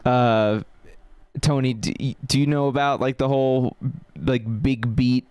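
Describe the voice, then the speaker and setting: A man's voice: mid-range voice, fairly even intonation, unhurried, darkish tone, smooth, no echo. Rambling man hosting a chat. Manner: rambling, full of fillers and restarts. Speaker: podcast host. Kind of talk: casual chat.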